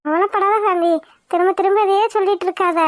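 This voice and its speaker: A patient cartoon village aunt, consoling and a little exasperated, with a very high voice, as a woman puts her on. The recording is close and dry. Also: flat delivery, fast talker, no room sound. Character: soothing older sister-in-law, middle-aged woman, patient. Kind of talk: cartoon voice acting.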